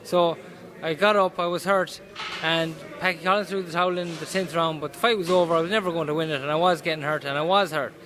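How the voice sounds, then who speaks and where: He talks fast, his voice on the high side, bright and forceful, with fairly even intonation. The man is a professional boxer with a Mayo accent from the west of Ireland, giving a casual, earnest interview indoors at a boxing gym amid busy gym noise, frequently repeating himself.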